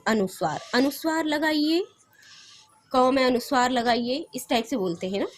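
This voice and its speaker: A woman's voice: a little high, slightly rough. A young woman teaching a recorded grammar lesson for children, patient, repeating points and asking the class questions. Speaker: school teacher.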